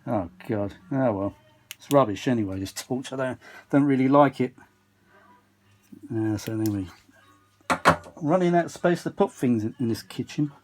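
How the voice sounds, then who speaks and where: Recorded on a handheld phone in a home kitchen workshop, this British man narrates his repair work for a video as a hobbyist, keeping it casual and unscripted with frequent muttered asides to himself. His voice is mid-range and darkish.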